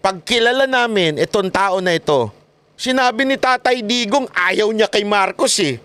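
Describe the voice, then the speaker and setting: A man from the Philippines talks through political commentary on his vlog. His voice sits high and swings up and down constantly. He mocks his critics and breaks into laughter. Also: lively intonation, normal speed, a bit bright, clear, resonant tone, dry recording. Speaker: political vlogger.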